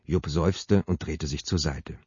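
A man reads an audiobook in a measured, storytelling manner. His voice is very low, dark and husky. The recording is dry and a little dull. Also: steady tone, no echo. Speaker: narrator. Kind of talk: audiobook reading.

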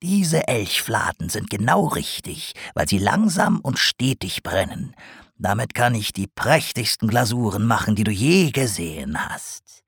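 A man's voice: fairly low pitch, big pitch swings, a bit bright, breathy edge, no room sound, studio quality, heavily acted. Man playing a sly swamp creature potter. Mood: explaining. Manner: teasing, knowing, unhurried. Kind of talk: audiobook character voice.

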